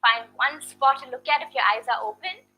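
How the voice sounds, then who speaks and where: A woman's voice: sits high, lively intonation, moderate pace, muffled recording. A woman teaching a guided yoga class, counting reps and checking in often, a little out of breath. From India.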